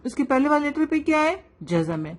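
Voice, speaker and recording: A woman with a somewhat high voice gives a patient tajweed lesson to a child. She draws recited words out slowly to demonstrate them. She checks understanding with quick questions. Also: sing-song. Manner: asks quiz questions and checks with "right?" and "fine". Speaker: Quran recitation teacher. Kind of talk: tajweed lesson for a child, mixing Urdu and English.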